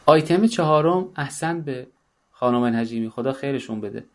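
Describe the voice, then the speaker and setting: A man's voice: mid-range voice, animated. A middle-aged man giving a religious talk on parenting, speaking emphatically and often acting out bits of dialogue.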